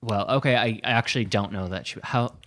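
A man from Wisconsin co-hosting a podcast, telling stories in a casual chat and laughing easily. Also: fairly low pitch. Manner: lively storyteller, quick to laugh. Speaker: podcast co-host.

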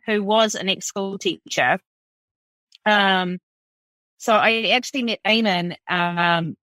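Bright-voiced New woman chef. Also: medium pitch, no echo, low-quality recording. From New Zealand. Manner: rambling and animated, full of "like" fillers and swearing. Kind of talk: casual podcast interview.

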